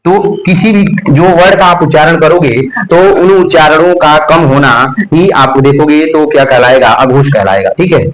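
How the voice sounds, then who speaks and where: A man's voice: on the high side, a little hiss or hum, rough recording. A man teaching an exam-prep grammar lesson, drilling letters over and over and answering his own questions. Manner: slow, drilling repetition of letters and terms; asks the class questions and answers them himself.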